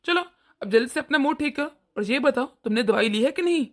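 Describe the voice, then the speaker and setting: A woman's voice: sits high, expressive, quick pace, voice pushed down. A woman voicing a caring, concerned young husband in a cartoon. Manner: concerned, reassuring. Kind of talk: cartoon voice acting.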